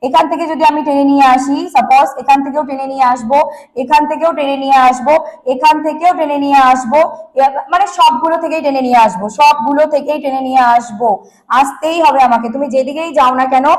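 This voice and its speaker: A woman's voice: high-pitched, low-quality recording. A woman with a Bengali accent teaching an online exam-prep lesson, asking her students questions and then answering them herself, repeating her points with emphasis. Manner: repetitive, emphatic.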